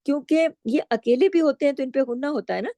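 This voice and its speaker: A woman teaching Quran recitation rules, slowly chanting verses and then explaining each word patiently. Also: high-pitched, mellow, dry recording. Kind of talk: tajweed lesson with slow recitation.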